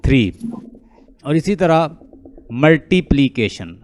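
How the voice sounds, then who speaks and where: Over an online class call, a Pakistani man whose native language is Urdu teaches an English lecture with a Pakistani accent, explaining material, quizzing students, and slowly repeating words. His medium-pitched voice is animated with a darkish tone, and a little hiss or hum sits in the audio.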